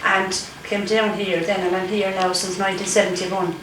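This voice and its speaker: A woman's voice: mid-range voice, level tone, normal speed, fairly bright tone. A middle-aged woman with a west of Ireland accent, chatting casually and exclaiming often in a home kitchen. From Galway, west of Ireland. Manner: exclamatory, chatty, sprinkled with 'love' and 'God'. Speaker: nurse, hostess at home. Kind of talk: casual family kitchen chat. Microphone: camcorder across the table. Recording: echoey noisy home camcorder, distant mic.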